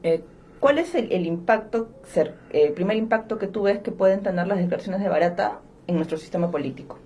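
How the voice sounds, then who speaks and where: A woman's voice: mid-range voice, fairly quick, warm tone, muffled recording, a little hiss or hum. A woman hosting a discussion podcast, conversational, asking questions and adding short remarks. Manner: conversational, interjecting with short affirmations. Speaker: podcast host.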